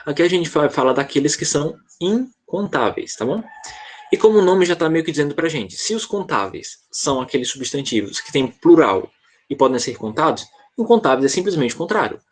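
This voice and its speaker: A man's voice: fairly high pitch, very animated, brisk, husky. A Brazilian man teaching an online English class, explaining patiently and often checking in with the students.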